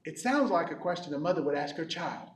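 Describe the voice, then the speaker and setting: A man playing a goofy, bumbling croc-hunting adventurer for a kids' comedy skit, rambling with deadpan jokes. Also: a little high, brisk, slight background noise, lightly acted. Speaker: children's ministry skit character. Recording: echoey hall from far off.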